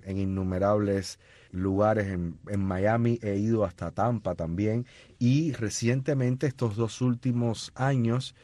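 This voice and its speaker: In a conversational interview with no room sound, a low, mellow-voiced musician spins stories, often restarting and using fillers. His first language is not Spanish.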